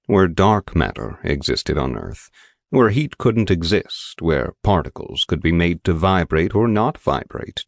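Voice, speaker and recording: A man with a very low voice narrates an audiobook in the first person. His delivery is measured and steady, with slow deliberate phrasing. The recording is close and dry, with no room sound at all. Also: no room sound. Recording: dry, dead studio sound.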